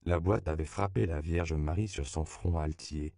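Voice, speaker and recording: A man reads an audiobook in a calm, measured way. His voice is very low and gravelly, with a dark, smooth tone. The recording is close and dry. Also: dry recording. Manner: measured, even storytelling. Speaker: narrator. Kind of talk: audiobook narration.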